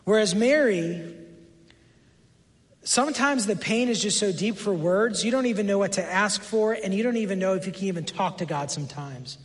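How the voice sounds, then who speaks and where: A man in his thirties delivers a sermon in a strikingly high voice. He tells stories with animated energy and slips into the voices of the people in them. His words trail off into the long reverb of a church sanctuary. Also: normal speed. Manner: animated storytelling, acts out quoted voices. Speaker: pastor.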